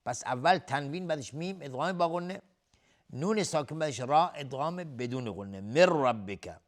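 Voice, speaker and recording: A man teaching a recitation lesson, who recites verse phrases slowly and explains the rules between them in quick, quieter speech. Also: medium pitch. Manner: clears throat now and then. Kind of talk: tajweed lesson, alternating slow chanted recitation with quick spoken explanation.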